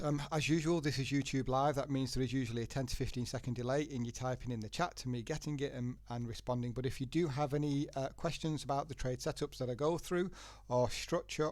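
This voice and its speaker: Running a live trading webinar from a laptop at home, a man with a head cold and blocked nose walks through charts step by step, chatting as he goes. His voice sits in the mid range with a darkish tone, and the laptop mic gives a dry recording.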